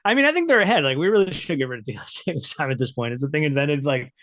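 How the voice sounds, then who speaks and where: A man's voice: on the high side, expressive, racing, a bit bright, dry recording, clean studio sound. A man talking loosely as a podcast guest, full of "like" fillers and easy laughs. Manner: loose and chatty, many "like" fillers, laughs often. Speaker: podcast guest, writer and editor. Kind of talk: casual interview chat.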